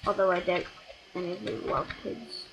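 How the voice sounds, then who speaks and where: Recorded at a home computer against a noisy background, this medium-pitched gamer gives casual, meandering commentary on a block-building game, often self-correcting and erupting with bursts of excitement.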